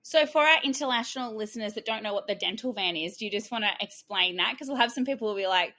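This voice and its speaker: A woman hosts a casual interview podcast with a bubbly, jokey manner and frequent laughter. Her voice is bright and a bit high. She sounds lively and eager. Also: fast. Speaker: podcast host, dental hygienist.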